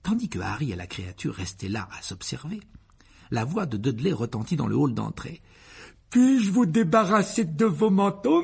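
A man reading a storybook aloud as an audiobook narrator, in a measured and expressive way. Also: fairly low pitch, vocal fry, husky.

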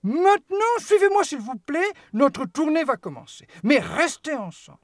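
A sprightly little chocolate-maker, full of mischief and show, played by a woman. He gushes over every guest with wild swoops up and down, sitting a touch high in pitch. The storybook recording is close and dry. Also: very animated, normal speed, no room sound. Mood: welcoming. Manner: gushing, theatrical welcomes with sudden swoops in pitch. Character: small, lively, mischievous male chocolate-maker. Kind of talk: audiobook character voice.

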